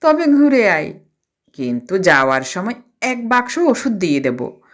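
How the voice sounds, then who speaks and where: A woman's voice: medium pitch, very animated, unhurried. A woman voicing a fussy, panicky middle-aged father in an audio storybook, delivering his lines as alarmed wails. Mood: fretful.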